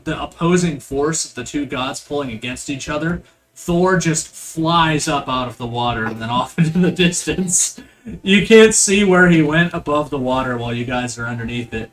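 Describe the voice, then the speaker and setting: A man's voice: medium pitch, fairly bright tone, poor audio. A man acting as game master, casually narrating a tabletop game with improvised, descriptive storytelling.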